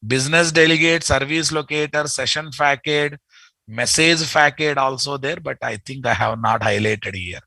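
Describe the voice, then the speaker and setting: A gravelly, mid-range male voice, pushed and bright, comes at a moderate pace with no room sound. The speaker is a middle-aged software instructor with an Indian Telugu accent, giving a relaxed live online lesson over a video call from an indoor room. He repeats his phrases and talks familiarly to his learners.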